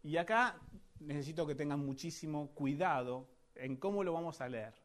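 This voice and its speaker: A man's voice: a little high, normal speed, fairly bright tone. A man preaching a sermon, emphatic and often asking his listeners questions. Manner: emphatic, asks the audience questions.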